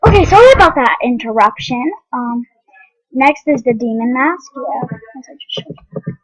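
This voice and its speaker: A woman's voice: sits high, animated, moderate pace, slightly rough, no room sound, rough recording. A young woman giving rambling, casual commentary on an online game, full of ums and restarts. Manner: eating while talking. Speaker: game vlogger.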